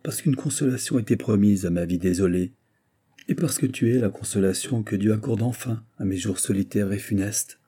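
A man's voice: lowish voice, moderate pace, dark tone, breathy edge. A man reading aloud voices a pale, lovestruck young nobleman, speaking tenderly and pleadingly.

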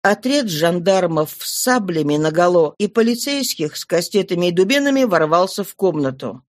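A narrator reading a classic novel aloud as an audiobook in an even, steady manner. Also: mid-range voice, normal speed, dry recording, clean studio sound.

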